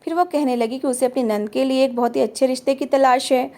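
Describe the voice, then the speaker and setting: High-voiced woman narrating a family story. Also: fairly even intonation, fairly quick, a little mellow.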